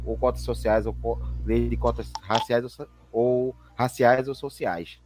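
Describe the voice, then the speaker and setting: A man's voice: medium pitch, fairly even intonation, measured pace, darkish tone, faint music behind. Polite Brazilian male interview host. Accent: Brazilian Portuguese. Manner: polite, restarts and rephrases his words. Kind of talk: hosting an interview, asking questions.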